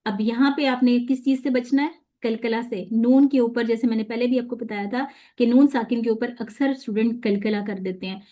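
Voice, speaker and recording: A woman teaching a Quran pronunciation lesson. She explains step by step, asks and answers her own questions, and slowly sounds out Arabic letters and syllables as models. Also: on the high side, warm tone. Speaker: tajweed teacher.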